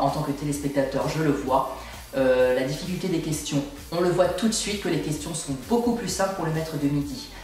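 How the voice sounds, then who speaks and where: A young man giving an emphatic, exasperated opinion rant to camera, complaining as he goes. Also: on the high side. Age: young adult. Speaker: video blogger. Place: small indoor room at home. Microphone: camera at a short distance. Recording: very echoey room, distant microphone.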